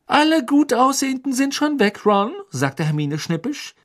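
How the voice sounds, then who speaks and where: A woman's voice: huge pitch swings, slow pace, exaggerated voice. A reader voicing Hermine, a clever, bossy teenage girl who talks sharply. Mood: snippy. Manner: sharp, indignant, pitched high.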